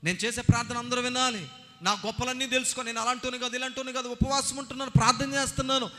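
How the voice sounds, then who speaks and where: A preacher voicing a boastful, self-righteous man who brags loudly about his fasting, prayers and offerings, acted out in a sermon. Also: extremely high pitch, fairly even intonation, voice pushed up. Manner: loud, bragging, insistent. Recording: long church-hall reverb.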